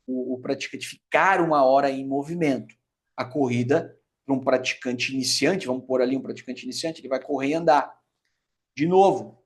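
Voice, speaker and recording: A man with a Brazilian Portuguese accent giving an emphatic, conversational fitness lesson, often checking in with his listeners. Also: on the high side. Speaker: fitness teacher. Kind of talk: explanatory lecture.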